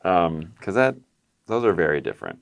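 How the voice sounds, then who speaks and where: A man's voice: moderate pace, vocal fry, smooth. A man co-hosting a casual movie podcast, reading titles off a list. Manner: animated, reads titles off a list with bouncing pitch. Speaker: podcast co-host. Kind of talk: casual chat.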